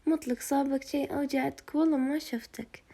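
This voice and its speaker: A clumsy, cheerful young man, voiced by a woman in a storybook reading. He pleads loudly in a fast, gravelly voice. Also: high-pitched, steady tone. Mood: pleading.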